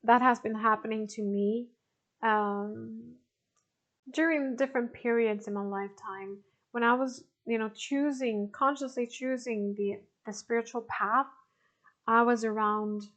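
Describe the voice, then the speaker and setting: A woman in her forties with a slightly high voice talks loosely to a group of participants. She often trails off and restarts, laughing softly now and then. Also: fairly even intonation, takes it slowly, dull audio. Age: 40s. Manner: hesitant, many restarts and soft laughs. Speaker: spiritual teacher answering participant questions. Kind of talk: casual talk to an online group.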